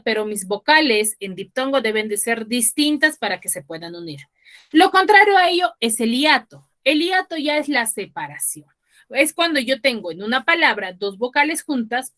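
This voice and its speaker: Bright, higher-voiced woman teacher, patient step-by-step explainer, video-call lesson. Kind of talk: online class lecture.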